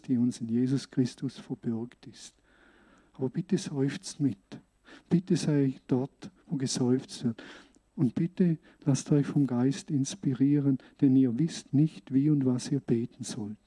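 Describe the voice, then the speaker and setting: A man from Switzerland, preaching a sermon as a pastor in an earnest, conversational way with emphatic pauses. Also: mid-range voice, mellow.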